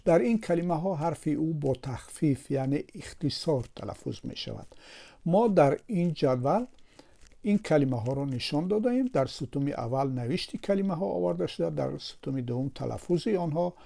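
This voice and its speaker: A man from Tajikistan with a Tajik Persian accent, teaching an English pronunciation lesson. His voice is very dark and mellow, pitched a little above the usual for a man. He works through a word table slowly, repeating each word and answering his own questions. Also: lively intonation, creaky.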